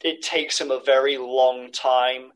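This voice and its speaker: A man's voice: medium pitch, little pitch movement, a little slow, poor audio. A man co-hosting a podcast, talking thoughtfully with plenty of "like" and "um". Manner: thoughtful, lots of "like" and "um". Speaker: podcast co-host. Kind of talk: casual chat.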